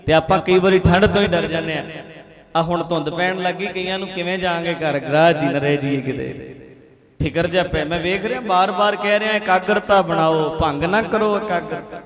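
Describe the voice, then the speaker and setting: A man's voice: a little high, brisk, crowd noise. A man, a Sikh preacher who alternates sung verses with spoken urging to the congregation, repeating phrases as he exhorts them. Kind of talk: religious discourse with sung verses. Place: indoor hall. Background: music.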